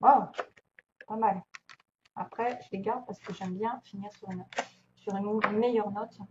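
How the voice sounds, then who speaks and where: A woman's voice: mid-range voice, steady tone, unhurried. A woman doing a casual tarot reading, chatty and thinking aloud with many fillers and small laughs. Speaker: tarot reader. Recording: dull lo-fi recording, faint noise.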